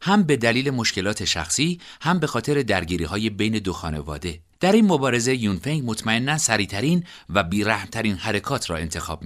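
Lively male audiobook narrator. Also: on the low side. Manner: expressive storytelling.

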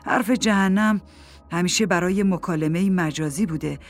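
A woman's voice: lowish voice, lightly acted. A woman reading a distraught middle-aged father who stammers and begs through tears, in an audiobook. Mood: hesitant. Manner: stammering, desperate pleading. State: crying. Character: anguished middle-aged father pleading for his children. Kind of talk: audiobook character voice.

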